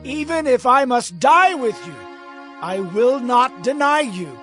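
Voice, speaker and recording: A fervent, loyal male disciple in a scripture audio drama. His voice is very high for a man and swings expressively, emphatic and impassioned, with faint music behind. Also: animated, a little slow, a bit bright, exaggerated voice. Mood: fervent protest.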